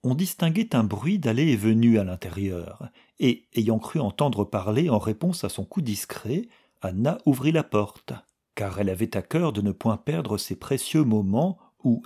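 Gravelly man reading a novel. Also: on the low side, warm tone. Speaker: audiobook reader. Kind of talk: scripted novel narration.

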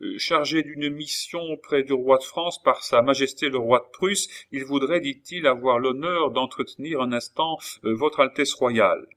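A man's voice: mid-range voice, moderate pace, few pauses, fairly bright tone, voice pushed up, lightly acted. A man voicing a nun who formally and deferentially announces a visitor in an audiobook. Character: respectful convent nun, messenger. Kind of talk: audiobook character voice.

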